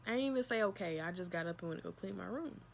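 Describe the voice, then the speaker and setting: Young woman, storytime vlogger, lowish voice, blunt and emphatic. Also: lively intonation, rapid-fire, creaky, slight background noise. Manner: candid, emphatic retelling with slang and swearing. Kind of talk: storytime vlog.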